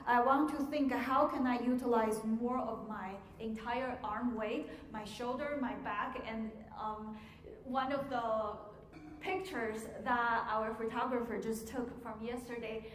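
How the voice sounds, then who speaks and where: A woman teaching a piano masterclass, answering audience questions in a measured way with frequent pauses and ums, in an auditorium. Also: on the high side, steady tone. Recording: echoey hall, faint noise.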